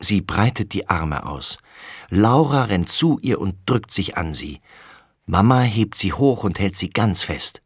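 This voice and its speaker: Ein Mann, der ein Kinderhörbuch sanft und ausdrucksvoll vorliest. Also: male voice, low-pitched, unhurried, husky, dry recording, studio quality. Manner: gentle, expressive storytelling. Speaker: audiobook reader. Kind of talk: children's storybook narration.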